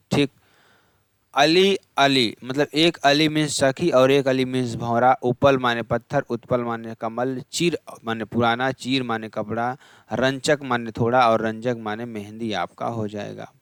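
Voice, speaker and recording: This is a Hindi exam-prep teacher, a man with a mid-range voice and clean tone, recorded without echo. He rattles rapidly through lists in a revision lesson, quizzing the class by asking questions, answering them himself, and repeating the answers.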